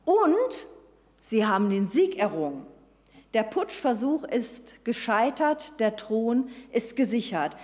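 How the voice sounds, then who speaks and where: A woman's voice: fairly high pitch, sing-song, slow, darkish tone, in a large hall. A woman preaching a sermon who retells the story vividly and speaks straight to her listeners. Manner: storytelling, addresses listeners directly.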